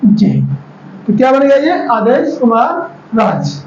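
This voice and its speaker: Male teacher with a high voice, drilling children on spelling, checking often that they follow, recorded in a roomy space on dull audio. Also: very animated, takes it slowly, a little mellow, slight background noise. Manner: stretches out syllables when sounding out names.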